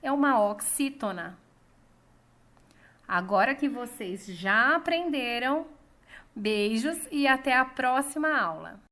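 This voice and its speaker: Bright Brazilian woman teaching children. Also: fairly high pitch, animated. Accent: Brazilian Portuguese. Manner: stretches words slowly for pupils. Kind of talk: recorded children's lesson.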